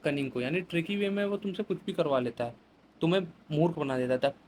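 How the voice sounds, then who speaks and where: A man's voice: on the high side, fast talker, a little mellow, low-quality recording. A man with a slightly raised voice runs through an exam vocabulary lesson in a chatty, example-filled way, reading phrases. Faint room noise sits behind him. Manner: chatty, explains with everyday examples, mixes English words into Hindi. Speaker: teacher.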